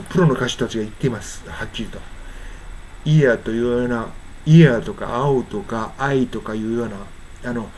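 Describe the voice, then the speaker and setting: A man's voice: mid-range voice, darkish tone, slight background noise. Man teaching song pronunciation. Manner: explains slowly, then sings lyric lines in English. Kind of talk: casual pronunciation lesson with sung examples.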